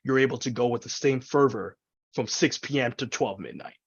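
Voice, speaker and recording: Man, animated conversational storyteller from New York City, mid-pitched, lo-fi call audio. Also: moderate pace, slightly rough. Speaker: ring announcer and event MC, interview guest. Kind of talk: casual interview chat. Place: indoors, on a video call. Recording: dull, lo-fi video call audio.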